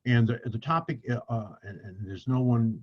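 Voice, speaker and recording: A husky-voiced man hosts a podcast, gushing over his guest and repeating words for emphasis. The sound is dull and lo-fi, like audio from an online call. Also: mid-range voice, moderate pace. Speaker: podcast host. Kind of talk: effusive guest introduction.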